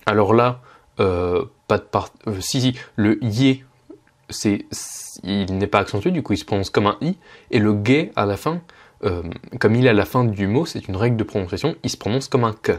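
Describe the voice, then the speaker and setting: Brief: male language teacher, lowish voice, relaxed at-home lesson, patient, drags out example words. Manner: patient, slows down to model Russian words. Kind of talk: casual spoken lesson.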